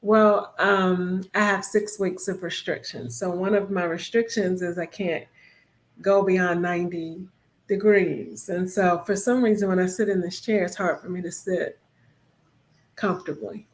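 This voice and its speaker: A woman's voice: on the low side, steady tone, unhurried. Breathless woman in her fifties. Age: 50s. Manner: friendly, laughing, chatty. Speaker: co-host. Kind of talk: casual talk show chat.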